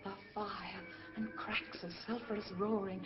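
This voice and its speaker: A woman's voice: medium pitch, level tone, unhurried, natural voice. A woman playing Ariel, an eager and boastful spirit servant, in theatrical Shakespearean verse for an audio drama. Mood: exultant. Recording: muffled lo-fi audio, music behind.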